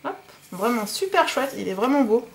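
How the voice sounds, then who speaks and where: A woman's voice: on the high side, expressive, normal speed. Chatty French woman unboxing a craft kit. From France. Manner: chatty, hesitant with many fillers, says "hop" often. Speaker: DIY vlogger. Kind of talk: casual unboxing vlog.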